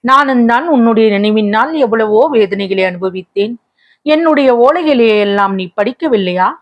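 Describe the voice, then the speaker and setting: A woman voicing a young prince who is tender and coaxing, asking gentle questions, in a slightly muffled recording. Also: on the high side, normal speed, natural voice.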